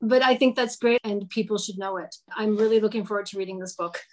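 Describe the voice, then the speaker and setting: A woman's voice: mid-range voice, quick pace, darkish tone. A woman hosting a casual interview, chatty and self-deprecating, thinking aloud as she asks questions. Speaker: interviewer host.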